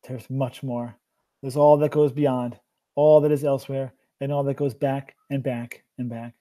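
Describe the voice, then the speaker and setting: A man's voice: medium pitch, little pitch movement, measured pace, warm tone, lightly acted. A man reading as a weary old mentor.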